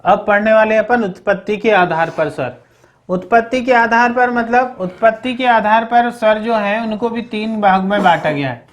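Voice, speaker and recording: A teacher working through a grammar lesson at a steady, mid-range pitch. The voice keeps posing questions to the students and then answering them. Short reminders to remember each point come up again and again. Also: normal speed. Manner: repeats check-ins like "okay, remember this". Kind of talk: explaining grammar in a recorded lesson.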